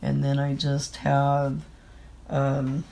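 Congested middle-aged woman with a creaky voice. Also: extremely low pitch, completely flat delivery, extremely slow, warm tone, slight background noise. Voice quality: stuffy, nasal from a cold. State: congested and sniffling with a bad cold. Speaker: vlogger. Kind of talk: casual gear-list vlog talk. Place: indoors in a room at home.

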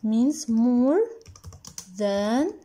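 Slow, patient woman teaching English. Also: fairly high pitch, expressive, dark tone. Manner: patient, has pupils repeat after her. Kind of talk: slow, repetitive drilling for young pupils. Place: indoors at a laptop desk, voice-over on screen recording.

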